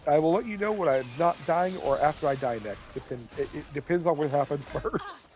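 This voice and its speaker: Mid-pitched gamer thinking aloud about loot. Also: sing-song, fairly quick, a little mellow, poor audio. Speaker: co-op gaming partner. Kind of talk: casual gaming chat.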